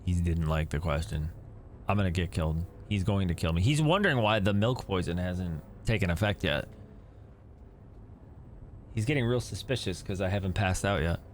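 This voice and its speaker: A man's voice: low-pitched, normal speed, a little hiss or hum. A young man commentating a game playthrough, reading text aloud and joking nervously. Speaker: gaming commentator. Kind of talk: let's-play commentary.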